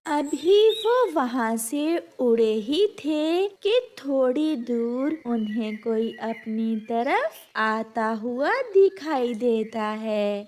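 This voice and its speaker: A woman giving scripted storybook narration for a children's cartoon, in a slow storytelling manner. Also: fairly high pitch, a little mellow.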